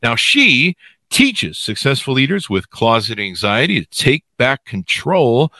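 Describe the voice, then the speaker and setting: A man's voice: medium pitch, very animated, measured pace, pushed and bright, dry recording. A man hosting a podcast with a voice that is giving out and cracking, rambling through an off-the-cuff, joking intro. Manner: joking, rambling, theatrical exaggeration. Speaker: podcast host.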